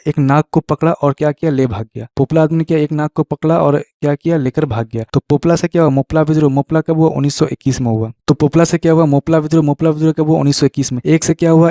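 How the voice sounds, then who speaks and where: A man teaches an exam-prep history lesson, firing quick questions at the class and answering them himself, over and over. His voice is dark and mellow and stays flat in pitch. The recording is close and dry. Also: no echo. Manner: rapid question-and-answer, repeats key words.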